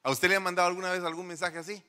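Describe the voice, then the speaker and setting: A middle-aged male pastor giving an animated sermon in a church, firing rhetorical questions at the congregation. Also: sits high, very fast, smooth. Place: church hall. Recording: long church reverb.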